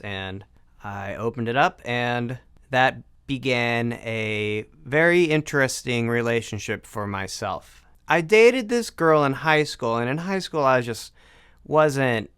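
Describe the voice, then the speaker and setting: A man in his thirties with a smooth, clear voice talks casually, throwing in jokes and then turning reflective as he tells his side of the story. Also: medium pitch, a bit bright. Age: 30s. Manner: joking interjections, reflective when telling his side. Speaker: co-host of a couple's channel.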